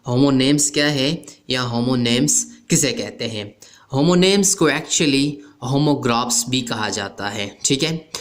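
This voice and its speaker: Male teacher, calm classroom explainer, methodical, checks in with "okay" after each step. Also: medium pitch. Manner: methodical, repeats "okay" after nearly every point; mixes English terms into everyday speech. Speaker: English grammar teacher. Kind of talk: explaining a grammar lesson over written examples.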